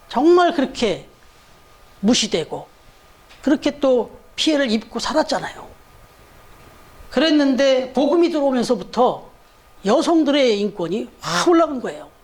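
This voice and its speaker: A pastor preaching a Sunday sermon in church, talking conversationally and putting rhetorical questions to the congregation. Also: male voice, extremely high pitch, lively intonation, normal speed, long pauses.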